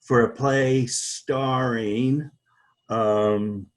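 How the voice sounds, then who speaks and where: A man being interviewed as a guest, talking in a halting way with many restarts and repeated words. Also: mid-range voice, steady tone. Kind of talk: conversational interview.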